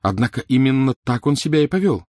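A man voicing a blunt teenage boy in a storybook reading, slow and growled. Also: medium pitch, big pitch swings, darkish tone, no echo, clean studio sound, pitched above the performer's own voice, natural voice.

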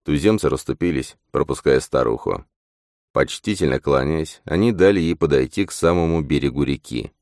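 A man reading a fantasy audiobook as narrator in steady scripted narration. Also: a bass voice, normal speed, dry recording, studio quality.

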